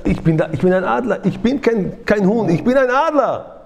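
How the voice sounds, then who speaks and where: A young eagle raised among chickens, frightened and unsure of himself, in a storyteller's fable. His voice sits high and wavers with hesitation, as a man voices him in his own plain way. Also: lively intonation, moderate pace, gravelly, a little mellow, slight background noise. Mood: proud.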